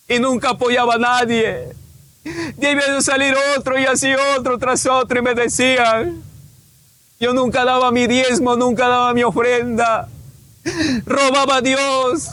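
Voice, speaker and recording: High-voiced man preaching a fervent testimony. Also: a bit bright, no room sound. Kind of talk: testimony sermon.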